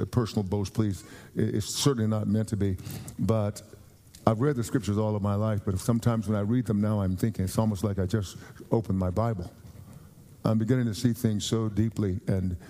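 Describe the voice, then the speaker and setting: A man's voice: fairly low pitch, warm tone. American guy preaching, earnest, keeps repeating himself, long echo like a big church. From United States. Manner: earnest, repeats and restarts phrases, slows down for emphasis. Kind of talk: sermon. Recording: long hall reverb.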